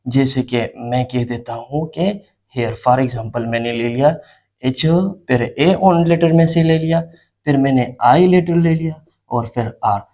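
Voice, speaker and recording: A man's voice: mid-range voice, dark tone. A man teaching a beginner English lesson, explaining step by step, repeating key points and asking and answering his own questions. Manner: often adds checking tags like "okay" and "isn't it". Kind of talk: classroom lesson explaining letters and sounds.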